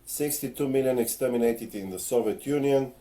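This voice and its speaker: A slightly tipsy man lectures earnestly from his home, his voice dark and mellow at a middling pitch. He stops often to search for words with small hesitant fillers. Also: brisk. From Bulgaria. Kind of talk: casual on-camera rant. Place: home, in front of a ring light.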